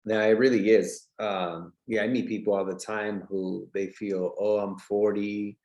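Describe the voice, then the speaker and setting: A man's voice: lowish voice, flat delivery, measured pace, darkish tone. A man in his thirties, a real estate coach as a podcast guest, talking earnestly with many fillers. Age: 30s. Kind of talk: casual interview chat. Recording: roomy echo.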